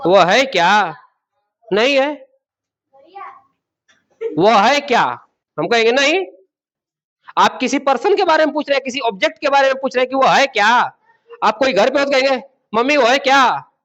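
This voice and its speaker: During a grammar lesson in class, a male teacher asks students questions, repeats key words, and addresses them as babu and beta. His very high-pitched, slightly bright voice has lively intonation, normal speed, and long pauses, recorded in dull lo-fi sound.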